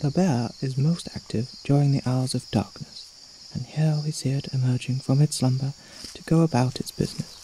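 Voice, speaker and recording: A man delivers nature documentary narration in a dark, relaxed voice of medium pitch. He sounds earnest and measured, keeping to a hushed delivery. Faint cricket and woodland night noise sits behind him. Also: rough recording.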